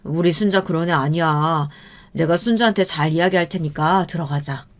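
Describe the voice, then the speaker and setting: A woman's voice: deep voice, moderate pace, natural voice. A lady reading a dad who's worried but firm, pretty plain voice. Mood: urgent. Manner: earnest, urgent. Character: concerned middle-aged father, protective and firm.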